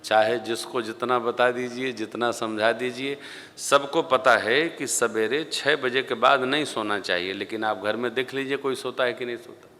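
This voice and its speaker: A man giving a devotional sermon in a large temple hall, speaking slowly and emphatically into a stage microphone and singing scripture verses. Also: medium pitch, fairly even intonation. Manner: slow, emphatic, rising to loud stressed phrases. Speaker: Ram Katha preacher. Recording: long hall reverb.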